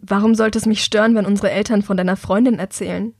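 A woman's voice: medium pitch, fairly even intonation, fast talker, gravelly, a little mellow, husky, no room sound, studio quality. A woman narrator voicing a troubled, withdrawn young man who speaks in a tense, subdued way. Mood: strained.

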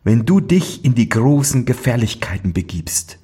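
A man voicing a cursed young princess in a storybook fairy tale, gentle and mournful. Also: mid-range voice, big pitch swings, moderate pace, breathy edge. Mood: sorrowful. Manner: mournful, pleading.

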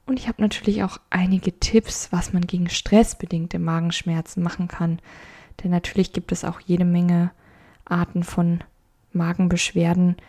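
A woman hosting a calm mindfulness podcast, narrating a story in a soft, slow and soothing way, at times half-whispered. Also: fairly low pitch.

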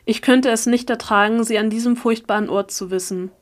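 A woman reading a first-person story aloud as an audiobook narrator, with an even, steady delivery. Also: a little high, brisk. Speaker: audiobook reader.

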